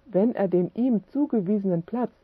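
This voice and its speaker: A woman reading a religious book aloud as scripted narration, steady and measured. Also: mid-range voice, slightly rough, dry recording. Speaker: audiobook narrator. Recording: tinny phone-like dry audio.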